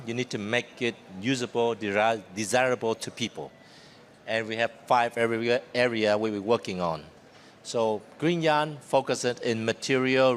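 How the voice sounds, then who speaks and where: A company founder connected to Vietnam and New Zealand presents live from a seminar stage at a trade fair. His English is informal and simple, with non-native phrasing, delivered at a medium pitch, while noticeable background noise fills the recording.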